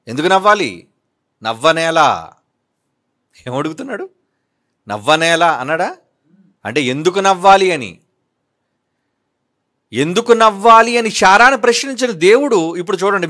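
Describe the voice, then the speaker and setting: A man preaching with a lively, rising and falling voice that sits fairly high. He reads scripture in drawn-out phrases, then presses his listeners with pointed, repeated questions. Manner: questioning, emphatic, drawn-out readings. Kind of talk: sermon with bible reading.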